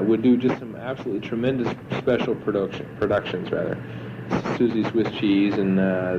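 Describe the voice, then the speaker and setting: A man reminiscing casually about radio work. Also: fairly low pitch. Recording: dull, noisy lo-fi recording.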